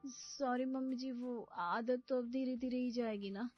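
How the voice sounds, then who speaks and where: Naive cartoon bride, sweet and chatty, played by a woman, high voice over soft music. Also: fairly even intonation, a little slow. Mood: innocent. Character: naive, literal-minded young bride. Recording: slightly dull audio with background music.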